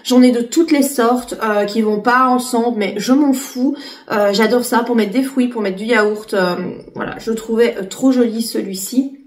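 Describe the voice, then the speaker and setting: A woman in her late thirties talks casually to her camera, with a fairly high voice. She chats loosely, full of fillers and restarts. The room echoes around her. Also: moderate pace, darkish tone. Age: 30s. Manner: chatty, many fillers and restarts. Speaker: vlogger. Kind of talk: casual chat.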